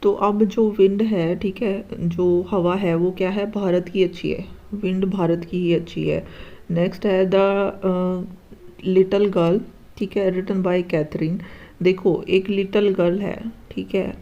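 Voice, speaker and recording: Woman teacher, low-pitched and even, patient exam-prep explainer, slightly dull lo-fi audio. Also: a little slow. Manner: explains patiently, checks in with "ठीक है" often. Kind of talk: exam-prep lesson with memory tricks.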